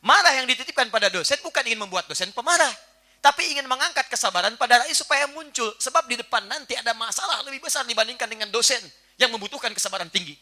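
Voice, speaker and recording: A quick-speaking man preaches before a gathered crowd, his high voice ranging broadly in pitch and sounding very bright and sharp. He keeps things lively and playful, dramatizing small everyday moments at home during the religious talk.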